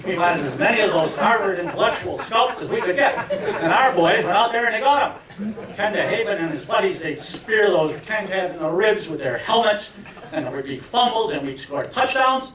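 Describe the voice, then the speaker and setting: A man in his seventies doing a stand-up routine for fellow alumni, telling tongue-in-cheek stories with deadpan punchlines. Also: high-pitched, moderate pace, far from the mic. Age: 70s. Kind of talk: stand-up comedy. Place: reunion event hall with audience. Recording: echoey room miked from afar, crowd laughter.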